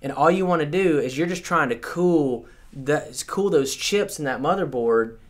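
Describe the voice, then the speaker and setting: A man's voice: a little high, moderate pace. A man as a podcast guest, explaining step by step with everyday examples in a casual conversation.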